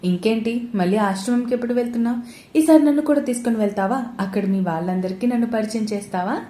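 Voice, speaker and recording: A woman's voice: a little high, quick pace, warm tone, reverberant, natural voice. A woman reading the part of a caring elder brother in a spoken romance story. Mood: gentle.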